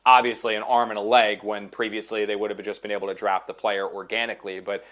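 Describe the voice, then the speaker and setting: A man's voice: fairly low pitch, flat delivery, quick pace, fairly bright tone. A man working as an NFL insider in a casual sports chat, emphatic and repeating phrases to drive his points home.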